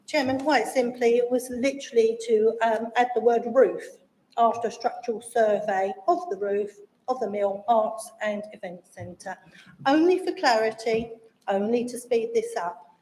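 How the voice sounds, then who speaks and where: A woman councillor speaking at a council meeting, brisk and clarifying. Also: on the high side, warm tone. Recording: echoey council chamber.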